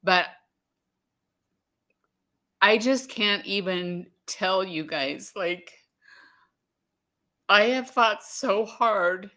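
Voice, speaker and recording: Slow, halting woman on a video call. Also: mid-range voice, sharp tone. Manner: slow, halting, full of fillers, tearful. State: emotional, near tears. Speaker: caller giving a testimonial. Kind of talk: emotional testimonial on a video call.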